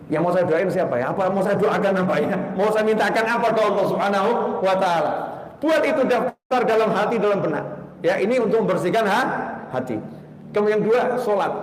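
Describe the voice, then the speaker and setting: A man delivers a sermon in a prayer hall, his voice high for a man. He swings between soft, murmured supplication and louder, insistent urging. The long reverb of the hall hangs on each phrase. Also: slight background noise. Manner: shifts from hushed prayer to raised urging. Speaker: preacher. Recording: echoey hall.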